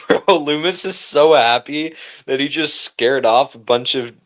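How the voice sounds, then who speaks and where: This livestream host speaks a bit slowly in a somewhat high, slightly bright voice. He's informal and slangy as he reacts and chats with viewers, dropping "bro" often.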